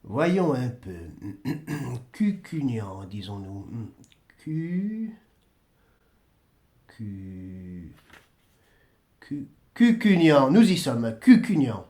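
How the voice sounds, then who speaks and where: A man's voice: medium pitch, big pitch swings, very slow, pauses often, mellow, voice pushed down. A man reading aloud and voicing a jovial old male saint who keeps heaven's gate, hearty and welcoming.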